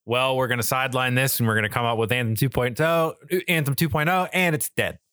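This co-host talks quickly in a smooth, medium-pitched voice with a fairly bright tone. His chat about video games and media is casual, slangy, and mildly profane, and the studio recording has no echo.

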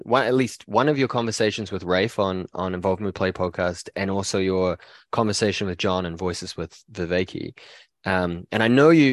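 A man with a New Zealand accent hosting a podcast interview, thoughtful and halting with frequent restarts. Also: deep voice, dry recording. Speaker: podcast host.

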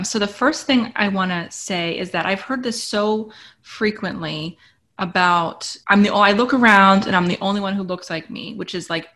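A woman's voice: medium pitch, a bit bright. A woman hosting an interview, affirming her guest with frequent mm-hmms and speaking in a casual, encouraging way. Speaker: interview host.

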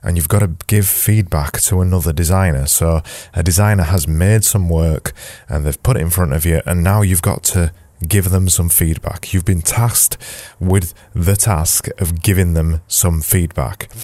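Deep, dark-voiced nasal man. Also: normal speed, no room sound. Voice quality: slightly nasal. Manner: rambling, self-correcting, conversational. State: blocked nose. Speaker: podcast host. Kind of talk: solo podcast talk.

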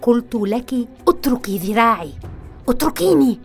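A woman's voice: a little high, very animated, normal speed, a little mellow, faint music behind. A woman playing a defiant young roommate. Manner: defiant, quarrelsome. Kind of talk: audio drama acting.

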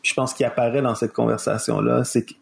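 A man's voice: medium pitch, level tone, fairly quick, gravelly. A man with a Québécois accent, hosting a casual discussion and thinking aloud with many restarts. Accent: Québécois French. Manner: thoughtful, many restarts and fillers.

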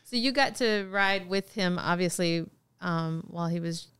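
A woman's voice: lowish voice, normal speed, a bit bright, clear, resonant tone, no echo. A woman co-hosting a podcast, teasing playfully and laughing a lot in casual chat. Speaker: podcast co-host.

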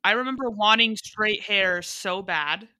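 A woman talking casually about a movie, chatty and enthusiastic, quick to agree with the others. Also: mid-range voice, pushed and bright, dry recording.

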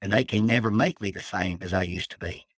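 A man's voice: fairly low pitch, fairly quick, slightly rough, no echo, rough recording. A man calling in to share an emotional, earnest personal testimony of faith as a guest. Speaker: death row inmate guest. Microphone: phone call.

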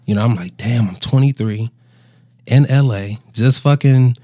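A musician in his twenties tells stories casually in a laid-back, slangy bro style with lots of swearing. His mid-range voice is dark-toned and a little slow, recorded dry at studio quality.

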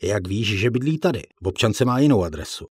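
A man's voice: on the low side, expressive, darkish tone, slightly rough, no room sound. A man reading the lines of a curt, suspicious middle-aged businessman in an audiobook, with a terse, dry way of asking questions.

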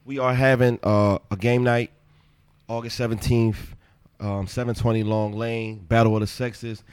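A man in his thirties hosting a podcast, chatting casually, loud and joking, swearing freely. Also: medium pitch, level tone, normal speed, clean tone. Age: 30s. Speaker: podcast host. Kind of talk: casual chat.

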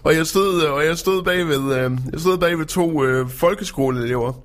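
Male radio host, casual chat, animated storyteller, laughs often, slightly high voice.

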